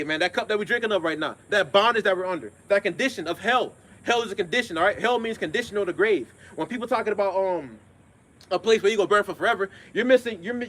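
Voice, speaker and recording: Here a male preacher with a high, fairly bright voice rattles through an informal sermon that includes readings from scripture. He swears often in blunt street language, driving each point home by repeating it and regularly checking in with those listening.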